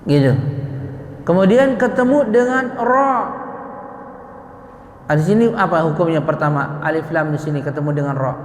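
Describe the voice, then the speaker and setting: Brief: male teacher, patient lecturing to a congregation, slightly raised pitch, roomy echoey prayer room. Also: slight background noise. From Indonesia. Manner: slow, patient explaining with rhetorical questions. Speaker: Quran recitation teacher. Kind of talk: tajwid lesson to a congregation.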